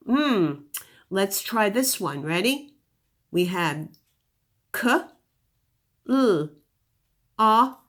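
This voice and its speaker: A woman with a rather high, bright, forceful voice gives young kids a phonics lesson. She exaggerates her articulation as she sounds out words, and she keeps them encouraged with questions and praise.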